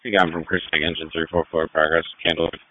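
A man's voice: rumbling low, level tone, fast, phone-quality sound. A man on an engine crew giving clipped status reports over a noisy two-way radio.

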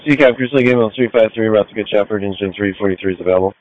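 A man's voice: fairly low pitch, very fast, dry recording, muffled recording. A man calling in on fire and ambulance radio with clipped, procedural phrasing.

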